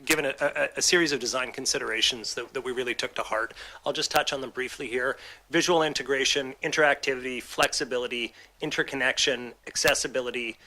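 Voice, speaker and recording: Bright-voiced man presenting to council. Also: medium pitch, vocal fry, low-quality recording. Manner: quick and businesslike, with many fillers. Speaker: design lead architect presenting.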